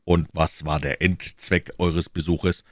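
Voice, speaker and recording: A cold, suspicious commissioner in a storybook audiobook, voiced by a man in a very low voice. He questions in a stern, indifferent manner, recorded close and dry. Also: level tone, slow, fairly bright tone, dry recording. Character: cold, suspicious male police commissioner, middle-aged. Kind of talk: audiobook reading.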